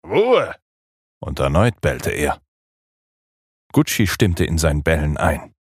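A man reading a children's story aloud in a calm, measured way. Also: very deep voice, breathy edge, no room sound, clean studio sound.

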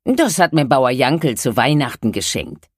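A woman's voice: very deep voice, sing-song, normal speed, no room sound, studio quality, full character voice. A woman reading a story aloud, voicing a blunt, unsentimental woman who speaks curtly and matter-of-factly. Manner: matter-of-fact, curt.

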